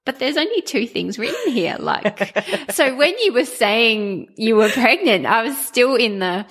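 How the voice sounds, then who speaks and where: Female co-host, casual and highly expressive, with a rough-edged husky voice. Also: unhurried. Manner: animated storytelling. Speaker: podcast co-host. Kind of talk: casual chatty podcast talk.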